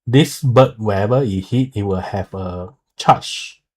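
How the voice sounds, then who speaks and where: A man giving casual live game commentary in a halting, explanatory way, often checking himself with okay and so. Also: fairly low pitch, breathy edge. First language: not Mandarin; speaks it haltingly. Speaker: streamer and video creator explaining a game.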